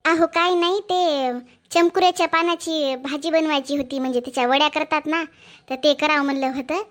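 A gentle, dutiful young wife and elder sister in a cartoon family drama, voiced by a woman. She speaks softly and patiently. Her voice sits high. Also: steady tone, fairly quick. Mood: explaining.

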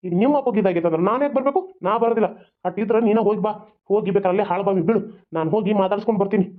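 A man's voice: high-pitched, rapid-fire, lightly acted. A man voicing a stubborn, grumbling husband in a cartoon. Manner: grumbling, refusing. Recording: tinny phone-like sound.

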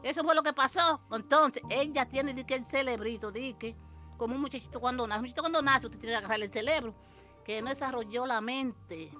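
An older woman, animatedly telling an interviewer her story as a mother and acting out the shouts and quotes in it. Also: high-pitched, brisk, faint music behind.

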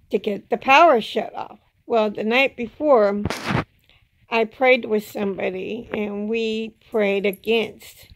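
Slow-talking middle-aged woman, toothless articulation. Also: medium pitch, a little hiss or hum. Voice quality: toothless, slightly slurred articulation. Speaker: vlogger. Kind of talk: casual personal update to camera. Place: small indoor room at home. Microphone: phone at arm's length.

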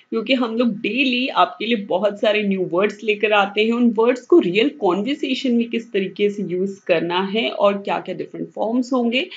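A woman teaching English vocabulary online in Hindi mixed with English, saying each word slowly and then repeating it. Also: medium pitch, muffled recording. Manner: mixes English words into Hindi explanations.

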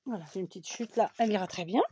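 A woman with a mellow, relaxed voice talks through a casual crafting tutorial. She chats freely, often hesitating and correcting herself mid-sentence. Faint clicks of handled tools sit under her voice. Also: mid-range voice, rapid-fire, a little hiss or hum. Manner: chatty, self-correcting, many fillers. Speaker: scrapbooking tutorial host.

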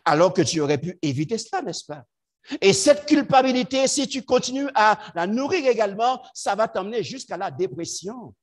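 A man preaching a sermon to his congregation, swinging between loud emphatic lines and low quiet asides. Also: expressive, moderate pace.

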